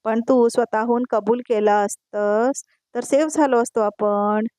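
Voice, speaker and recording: A woman's voice: on the high side, steady tone, unhurried, warm tone, dry recording, natural voice. A stern, experienced female defense lawyer tells someone off with open reproach, voiced by a woman narrating an episode recap. The sound is close and dry, with no room around it. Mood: scolding. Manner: scolding, reproachful.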